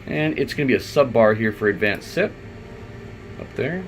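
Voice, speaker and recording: A man with a mid-range, lively voice speaks at a normal pace over a faint hiss or hum. He's an IT installer giving a loose, unscripted software tutorial, walking through the screen step by step and thinking aloud as he goes.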